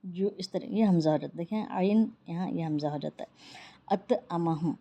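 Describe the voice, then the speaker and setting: A woman teaching Quran recitation rules, explaining patiently and then reciting each verse slowly and drawn out. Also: on the low side, vocal fry, warm tone, lo-fi sound.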